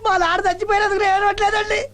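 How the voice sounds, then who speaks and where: A man's voice: very high voice, quick pace, a bit bright. An actor playing a whiny, bumbling young man who rambles in circles, in a film comedy. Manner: whining, rambling circular worries. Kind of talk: Telugu film comedy dialogue.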